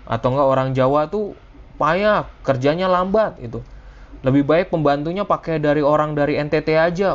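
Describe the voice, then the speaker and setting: A man teaching a class live over a video call, with a mid-range voice. He talks casually and often stops and restarts his sentences. The audio sounds dull and lo-fi. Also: medium pitch. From Indonesia. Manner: casual, conversational teaching with frequent fillers and restarts. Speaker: lecturer. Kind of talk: live online lecture.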